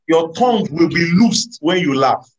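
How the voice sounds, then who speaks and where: A man preaching a sermon, animated, laughing and drawing answers from his congregation. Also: a little high, unhurried, poor audio. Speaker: pastor.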